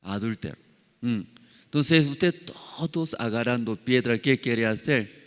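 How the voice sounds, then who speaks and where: A male pastor preaches a sermon in halting, non-native Spanish, firing many questions at his congregation and filling his phrases with fillers. His voice is medium-pitched. Recorded in a church sanctuary, it carries a long hall reverb.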